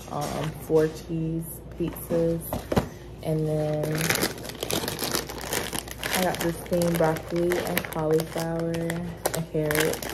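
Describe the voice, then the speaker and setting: A young woman chatting casually through a day-in-the-life vlog, relaxed and full of fillers. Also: deep voice, very noisy. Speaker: vlogger.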